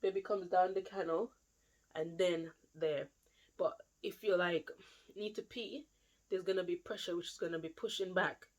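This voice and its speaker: A woman's voice: lowish voice, fairly even intonation, normal speed. A young woman from London with a London accent, telling a personal story to camera in a chatty, rambling way full of fillers. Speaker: vlogger.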